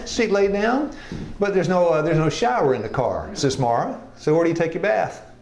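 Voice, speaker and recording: A man's voice: fairly high pitch, animated, moderate pace, darkish tone, reverberant. Folksy older man telling his story. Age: 60s. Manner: folksy, joking storyteller who laughs often. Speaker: health evangelism instructor. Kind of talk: personal testimony in a class. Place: classroom with a live audience.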